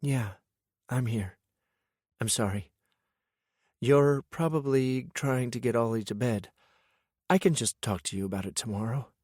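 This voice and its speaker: A male audiobook narrator voicing a gentle, apologetic young woman who talks softly and hesitantly. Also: medium pitch, measured pace, dry recording, studio quality, voice pushed up, close to an everyday voice. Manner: soft, hesitant. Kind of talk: audiobook character voice.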